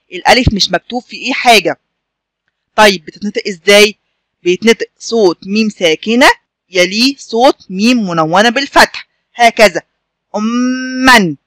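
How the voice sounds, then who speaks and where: Bright, high Egyptian teacher, drawn-out words. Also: male voice. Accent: Egyptian Arabic. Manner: slow drawn-out syllables, repeats words for pupils to echo. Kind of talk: children's reading lesson.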